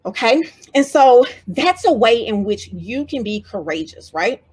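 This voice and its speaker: A woman with a Southern US accent giving a lively, conversational motivational talk as a DEI speaker and author. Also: a little high, a little slow, breathy edge.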